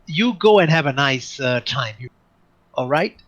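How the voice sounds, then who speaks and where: A man's voice: mid-range voice, expressive, a bit bright. Man doing a nervous, slippery street guide. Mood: evasive. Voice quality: hesitant, halting.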